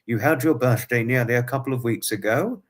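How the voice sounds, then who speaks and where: A man's voice: mid-range voice, brisk. Guy in his twenties chatting to his stream chat, kinda rambly, says things twice, oddly formal wording. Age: 20s. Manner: chatty, repeats himself, quaintly formal phrasing. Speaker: livestream host. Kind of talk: casual livestream chat with viewers.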